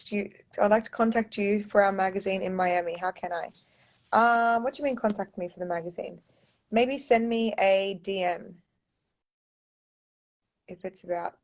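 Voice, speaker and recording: A young Australian woman, a pageant contestant, answers fans in a casual live Q&A into her phone, talkative and loose. She's chatty, reads viewer comments aloud, and often says um and like. Her voice is mid-range, gravelly, and darkish in tone.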